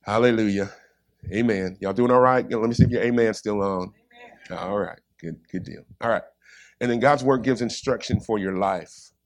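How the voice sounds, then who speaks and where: A man's voice: on the low side, moderate pace. A man preaching a sermon, repeating his points and calling out to the congregation.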